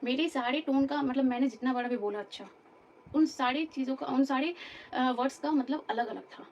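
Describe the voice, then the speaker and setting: A woman's voice: sits high, normal speed, darkish tone, far from the mic, dull audio, slight background noise. A woman teaching a lecture class, explaining patiently, repeating terms and checking in with her students.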